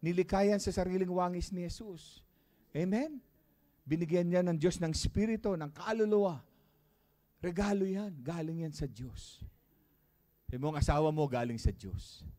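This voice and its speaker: A man preaching a sermon as pastor of a church, calling out to the congregation and shouting praise. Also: high voice, normal speed. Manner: preaching with call-and-response and shouts.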